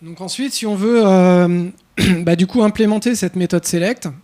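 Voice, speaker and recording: A man's voice: high-pitched, moderate pace, darkish tone. A man speaking at a developer conference, explaining code live in a casual way with many fillers and restarts. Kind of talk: live coding talk. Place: conference room.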